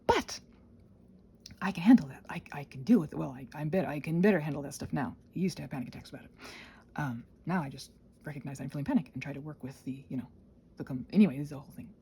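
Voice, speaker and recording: A low-pitched woman speaks fast, her warm voice carrying a breathy edge. Hosting her rambling audio channel alone, she wanders unscripted and self-deprecating, frequently trailing off, tired and congested with a sinus infection.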